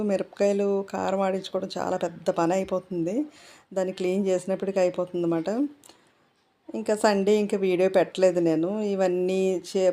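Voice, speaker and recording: Middle-aged woman, casual home vlogger, rambling chat, mellow voice. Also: mid-range voice. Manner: talkative, rambling, many fillers.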